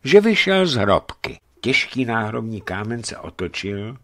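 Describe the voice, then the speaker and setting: Guy narrating a book, low voice, calm and steady. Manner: calm, measured reading. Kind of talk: scripted audiobook narration.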